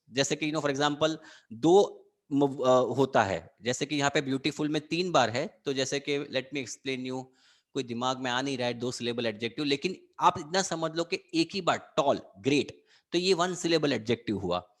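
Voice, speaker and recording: A man's voice: medium pitch, moderate pace. A man with an Indian English accent giving an online lecture, mixing Hindi and English and drilling students on words. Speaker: English teacher.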